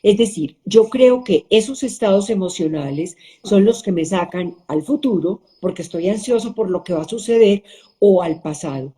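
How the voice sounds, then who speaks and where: Reflective woman host with a dark voice. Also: medium pitch, lively intonation, normal speed. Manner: reflective, asks herself rhetorical questions. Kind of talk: conversational interview.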